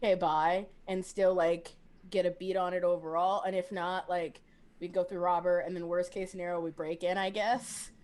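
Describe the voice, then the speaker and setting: A woman's voice: fairly low pitch, level tone, normal speed, darkish tone. Chatty woman playing a tabletop game. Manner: chatty, lots of "like", acts out her character's lines. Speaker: player. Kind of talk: casual tabletop game play.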